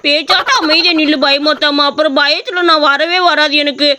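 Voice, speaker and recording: A woman's voice: high-pitched, fairly even intonation, moderate pace, bright, forceful tone. A woman voicing a timid little boy in a cartoon story, whiny and pleading. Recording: noisy recording.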